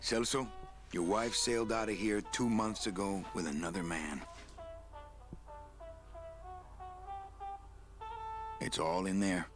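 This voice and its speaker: An actor playing a suave, world-weary nightclub boss and video game hero, full of wry, dry asides. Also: male voice, sits low, steady tone, moderate pace, natural voice. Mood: blunt. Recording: game music behind the voice.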